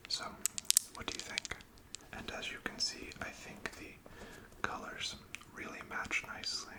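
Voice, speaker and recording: Slow whispered role-play, breathy shop assistant. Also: poor audio. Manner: gentle, attentive, encouraging customer-service talk. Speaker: ASMR performer playing a card shop assistant.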